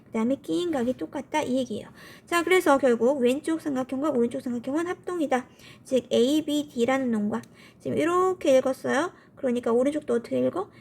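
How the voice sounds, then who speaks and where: Female math teacher, high voice, casual quiz-and-answer lecturing. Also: fast talker, creaky, darkish tone, slight background noise. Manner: asks questions and answers them herself; colloquial, upbeat, often starts with "so".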